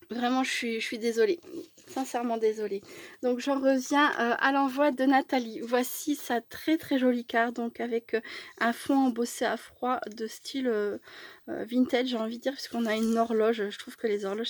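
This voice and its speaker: A woman hosting her craft channel, chatting casually while unboxing mail and pausing often with hesitation fillers. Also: on the high side, dry recording.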